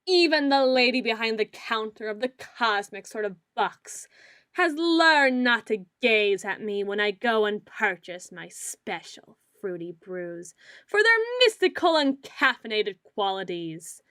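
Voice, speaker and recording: A woman playing a pompous, socially awkward self-styled lord of shadows in an ASMR roleplay, speaking in grandiose, archaic phrases with dramatic pauses. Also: on the high side, very animated, fairly bright tone, clear, resonant tone, no echo, studio quality. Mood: haughty, mysterious.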